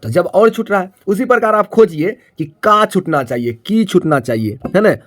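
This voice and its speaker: A man's voice: high voice, animated, moderate pace. A male Hindi grammar teacher giving a classroom-style video lesson. He keeps asking questions, answers them himself, and adds tag questions to check that students follow. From Bihar, India.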